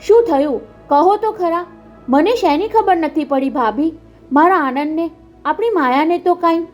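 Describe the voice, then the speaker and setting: A man's voice: extremely high pitch, lively intonation, moderate pace, creaky, faint music behind, full character voice. A woman voicing an anguished, impatient older father who talks in an urgent, pleading way, in a storybook reading. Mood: frantic.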